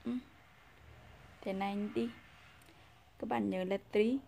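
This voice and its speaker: A woman whose first language is Vietnamese teaches a casual language lesson at a slow, unhurried pace. She talks patiently, with a voice neither high nor low, repeating example sounds and pausing with soft fillers. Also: fairly even intonation, gravelly, slight background noise.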